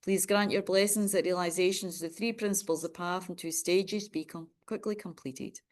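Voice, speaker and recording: A Buddhist nun with a fairly low voice leads a prayer ceremony for an online group, reciting steadily and measuredly. She greets and chats with participants in a warm, friendly way.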